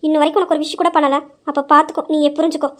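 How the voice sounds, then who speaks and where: A young woman with a very high voice talks quickly, pushing her point over and over in a dramatized story. She sounds insistent and persuasive. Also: flat delivery. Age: young adult.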